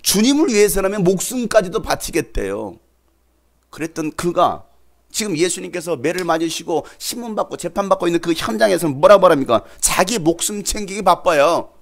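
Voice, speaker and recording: A man's voice: sits high, fairly quick. A man preaching a sermon as pastor, putting questions to the congregation and acting out quoted speech. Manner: animated, asks the congregation questions and acts out quotes.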